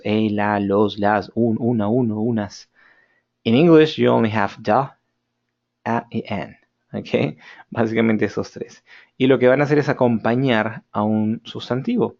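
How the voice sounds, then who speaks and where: A male English teacher with a medium-pitched, darkish voice and vocal fry covers grammar and pronunciation in a recorded lesson. He alternates between Spanish and English, slows down to model words, and keeps checking in with "ok?", all in a dull lo-fi recording.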